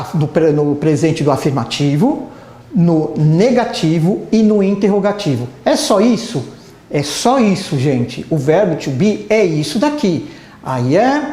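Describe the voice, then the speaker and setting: A teacher with a Brazilian Portuguese accent leads a live English lesson, voice rising and falling in wide swings. They talk to the class warmly and stop often to check that everyone is following. The sound carries a roomy echo. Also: mid-range voice. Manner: lively, keeps checking in with the class.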